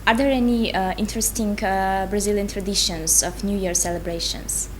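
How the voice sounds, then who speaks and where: A woman's voice: mid-range voice, fairly even intonation, moderate pace, a little hiss or hum, rough recording. A woman working as an interviewer, putting questions to a guest.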